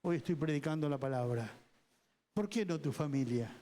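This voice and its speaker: Argentine male pastor, high voice, emphatic sermon delivery, long church-hall reverb. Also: normal speed, dark tone. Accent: Rioplatense Spanish. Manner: emphatic preaching, repeating words, voicing people in quotes.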